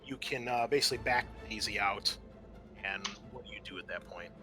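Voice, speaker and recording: With music in the background, a man with a fairly low voice narrates briskly as game master of a tabletop roleplaying game. He makes it up as he goes, keeping things casual and addressing the players directly.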